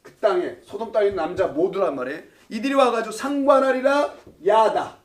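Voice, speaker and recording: A man's voice: sits high, a little fast. A male pastor teaching a Bible study class, playful, quizzing his listeners and laughing often. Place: church classroom.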